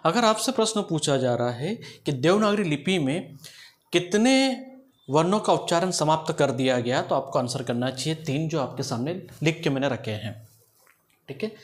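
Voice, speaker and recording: A man with a high voice teaches a grammar lesson in a patient, explanatory way. He stops often to ask whether his students are following. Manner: explanatory, asks checking questions often.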